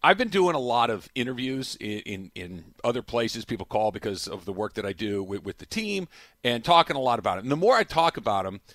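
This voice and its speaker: Male sports talk host, mid-pitched, close dry sound; casual banter and contest promo delivery. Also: animated, brisk, fairly bright tone, dry recording. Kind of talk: casual sports radio chat with scripted radio contest promo reads.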